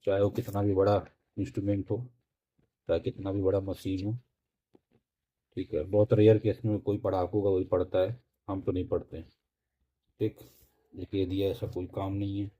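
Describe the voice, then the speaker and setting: Husky, dark-voiced man giving a chatty review. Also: deep voice, flat delivery, normal speed, long pauses, muffled recording. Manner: chatty, jokey, keeps saying "theek hai". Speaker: product reviewer. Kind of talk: casual unboxing review.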